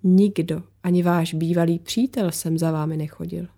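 A mysterious visitor answers every question with calm, knowing composure, as a woman voices her. The tone is warm and dark, matter-of-fact and never rattled. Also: lowish voice.

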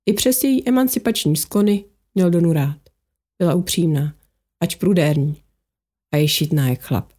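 A woman narrating an audiobook in a steady, measured storytelling manner. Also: fairly low pitch.

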